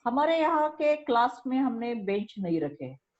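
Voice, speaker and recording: A woman's voice: on the high side, very animated, measured pace, darkish tone. A woman teacher taking part in an online training, explaining her classroom practice over a video call. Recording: dull video call audio.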